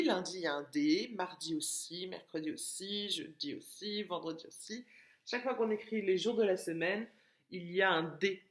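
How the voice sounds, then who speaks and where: Slow, patient woman teacher in an echoey room. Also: fairly low pitch. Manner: slow, deliberate, encouraging, stretching out words. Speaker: preschool teacher. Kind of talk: remote lesson for young children. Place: home, washing machine running.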